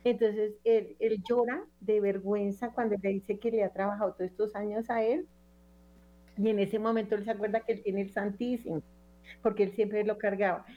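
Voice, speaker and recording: A woman's voice: mid-range voice, level tone, moderate pace, dull audio. A woman preaching and telling a testimony in an earnest storytelling manner, acting out the people she quotes. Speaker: lay preacher.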